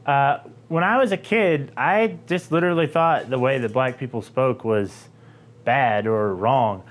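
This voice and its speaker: Relaxed young man with softened Southern accent. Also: mid-range voice, measured pace. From Georgia, US. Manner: relaxed, conversational, frequent filler ums. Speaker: linguistics video host. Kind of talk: explanatory talk to camera.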